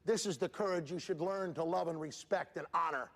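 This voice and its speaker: A man giving an animated motivational speech to students at a school assembly, exuberant and calling out to the crowd with sudden shouts. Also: on the high side, brisk. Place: large school hall with student audience. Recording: echoey hall with faint crowd noise.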